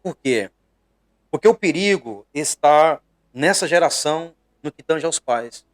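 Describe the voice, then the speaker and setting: Brazilian pastor, middle-aged man from Bahia, earnest conversational preacher with a slightly high pitch. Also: animated, measured pace, dry recording. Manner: earnest and emphatic, with frequent hesitations.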